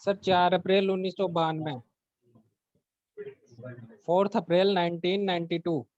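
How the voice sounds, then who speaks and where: A man's voice: sits high, little pitch movement, a little slow, a little mellow, dry recording. A man in his thirties calling in with a question, politely calling the host sir, his voice breaking up over a bad online connection. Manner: polite, addresses everyone as sir. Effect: breaking-up online call connection. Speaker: caller. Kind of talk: call-in question to a numerologist. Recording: lo-fi patchy call audio.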